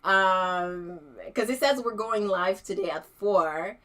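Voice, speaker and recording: A woman in her thirties chats with viewers during a casual livestream. Her voice sits in a middle register with a bright, forward edge. She is playful and gossipy and laughs freely as she goes. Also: mid-range voice, slow pace. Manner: chatty and playful, laughs often. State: out of breath from running up stairs. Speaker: natural hair vlogger hosting a livestream.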